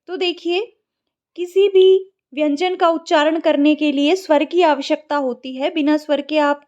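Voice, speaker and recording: High-voiced woman teaching Sanskrit. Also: fairly even intonation, a little mellow. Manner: patient, repeats words slowly to model pronunciation. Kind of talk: exam-prep lesson.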